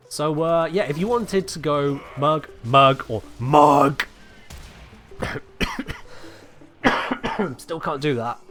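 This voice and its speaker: Sick and coughing, a man rambles easily through a live gaming stream while answering chat. His voice sits in an ordinary middle range with a fairly bright tone, and faint music plays underneath.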